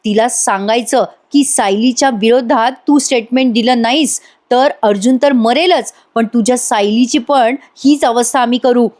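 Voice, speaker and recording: A woman voicing a scheming, unhinged young woman villain in jail, shrill, childish and mocking. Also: moderate pace, a little mellow, natural voice. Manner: shrill, childish and manic, mocking sing-song.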